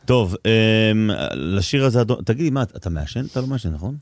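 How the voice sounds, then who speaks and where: A man hosting a casual radio interview in a studio, playful and quick to laugh. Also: fairly low pitch, no room sound. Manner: lively, playful, laughs often. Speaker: radio host.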